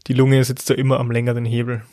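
A man's voice: medium pitch, monotone, fast, dark tone, no room sound, studio quality. A man co-hosting a comedic podcast, rambling and joking in casual chat. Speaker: podcast host.

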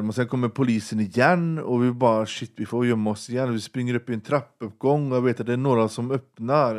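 A man's voice: mid-range voice, darkish tone. A man from western Sweden telling a story in a casual interview, blunt and swearing freely, acting out the voices he quotes. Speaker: interview guest.

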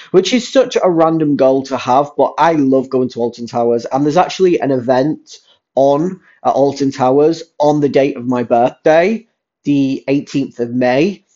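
A young British man with a cold, hoarse with a rough smoker's rasp, giving a chatty, rambling solo update and repeating words for emphasis. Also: mid-range voice, warm tone. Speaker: podcast host and YouTuber. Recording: dull lo-fi sound.

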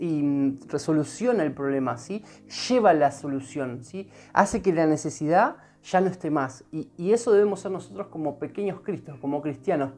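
A fairly low-pitched, mellow-voiced woman preaches earnestly with an Argentine Spanish accent. Throughout the devotional sermon, she repeats her phrases and regularly checks in with her listeners.

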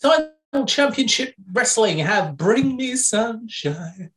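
A woman co-hosting a podcast, briskly reading match lists with dry jokes in a casual news roundup. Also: a little high, expressive. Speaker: podcast co-host.

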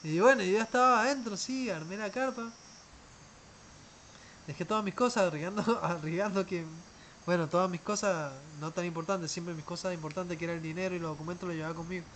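A man's voice: sits high, fairly quick, a bit bright, a little hiss or hum, low-quality recording. A man tells travel stories casually, rambling, often restarting words and trailing off. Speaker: traveler telling a story.

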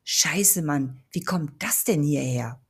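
A woman's voice: sits low, lively intonation, takes it slowly, breathy edge, exaggerated voice. A woman voicing a cautious, level-headed young man in an earnest tone.

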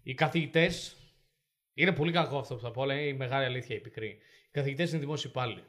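A man's voice: medium pitch, fairly bright tone, a little hiss or hum. A young man co-hosting a casual podcast, telling stories animatedly and acting out the people in them. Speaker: podcast co-host. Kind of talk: casual chat.

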